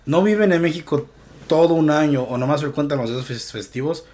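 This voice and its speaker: A man's voice: a little high, fairly quick, a little mellow. Man, Mexican accent, podcast host, casual chat, profane slang, easy laughter. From Michoacán, Mexico.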